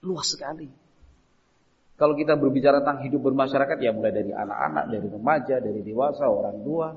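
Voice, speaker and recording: A man preaching a sermon, telling stories and acting out everyday dialogues with lively shifts in voice. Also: medium pitch, quick pace, breathy edge. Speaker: Islamic preacher. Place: mosque. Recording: dull, echoey mosque recording.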